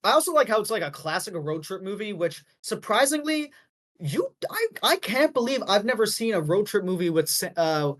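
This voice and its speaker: A very animated male co-host with a high, slightly bright voice discusses a movie on a podcast at a moderate pace. He's casual and rambling, heavy on fillers, and often starts over to correct himself.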